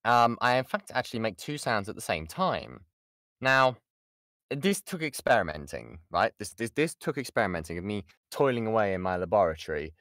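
A British voice actor, his voice fairly low and a bit bright, speaks at normal speed but very animatedly during a casual online lesson with audience questions. Close-miked with no echo, he's chatty and jokey and tends to interrupt himself.

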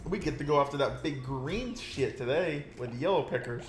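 A high-pitched man trading crude jokes in a casual gaming chat. His voice rings in a roomy, echoey space, with game music faint behind him. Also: lively intonation, a little fast. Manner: joking, crude banter. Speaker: let's play co-host.

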